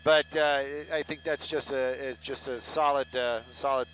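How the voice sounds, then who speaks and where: Casual on-air chatter comes from a middle-aged man reporting traffic from a helicopter in flight, rambling through his headset mic with sarcastic, self-deprecating jokes. He has a medium, somewhat bright voice with fairly even intonation at a moderate pace, on a rough recording.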